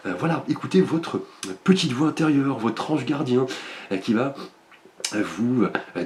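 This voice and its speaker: Male tarot reader, gentle and halting, mid-pitched, roomy echo behind the voice. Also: slight background noise. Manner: gentle, many fillers like "euh" and "hein". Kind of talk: monthly astrology card reading.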